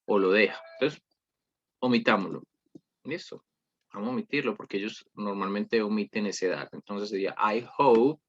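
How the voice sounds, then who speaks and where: A man with a voice on the low side talks at a moderate pace over dull-sounding audio. Reviewing an English workshop on a screen recording, the teacher explains with patience, repeatedly asks "¿listo?", and stops to correct himself mid-sentence.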